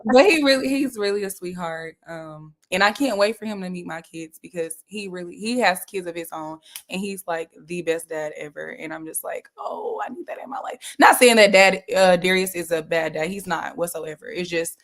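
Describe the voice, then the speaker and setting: A woman's voice: on the low side, animated, normal speed, hardly any pauses. A woman, talking candidly as an interview guest and laughing often. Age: 30s. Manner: giggly, candid. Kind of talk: casual interview.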